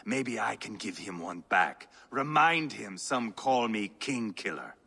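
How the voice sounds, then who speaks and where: A swaggering Viking warlord in a video game, crude and scornful, with a bright, forceful voice that swings up and down as he taunts. He sneers at everyone around him. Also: on the low side, big pitch swings, unhurried, vocal fry, husky, exaggerated voice. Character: brash scarred Viking warlord, boastful and scornful.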